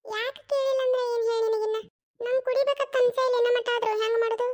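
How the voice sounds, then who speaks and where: A performer doing a stubborn older cartoon mother-in-law with a North Karnataka Kannada accent, her voice pitched extremely high. She scolds in drawn-out, grumbling retorts at a quick clip. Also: little pitch movement, slight background noise. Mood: scolding. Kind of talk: cartoon voice acting.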